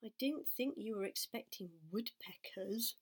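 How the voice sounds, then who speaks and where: A lonely little male pig, put on by a woman reading aloud begs for company in an earnest, high voice. He is a young storybook animal, wide-eyed and pleading. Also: big pitch swings, unhurried.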